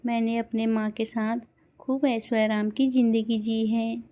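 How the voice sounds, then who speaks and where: A woman voicing an anxious, hurt mother sparrow who talks in a soft, complaining way. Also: fairly high pitch, level tone, measured pace, close to an everyday voice. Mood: sad.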